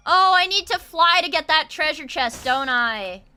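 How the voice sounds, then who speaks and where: Woman streamer, lively swooping pitch, unhurried chatter that breaks into shrieks. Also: soft background music. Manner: excitable, shrieks and gasps, swears. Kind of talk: casual gameplay commentary.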